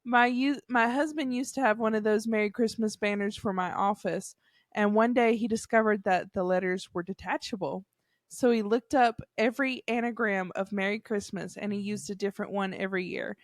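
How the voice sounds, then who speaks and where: A woman's voice: mid-range voice, normal speed, no echo, clean studio sound. A woman, co-hosting a casual podcast and reading stories aloud with small laughs. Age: 30s. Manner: amused, laughs between lines. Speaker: podcast co-host.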